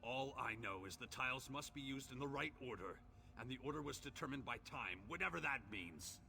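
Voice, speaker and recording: A man's voice: mid-range voice, lively intonation, a little fast, gravelly, pushed and bright, a little hiss or hum, exaggerated voice. An actor playing an ancient imprisoned orc in a fantasy game, bitter and lovelorn, telling his tale in solemn, archaic, theatrical speech. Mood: irritated, weary. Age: old. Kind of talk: dramatic fantasy game dialogue.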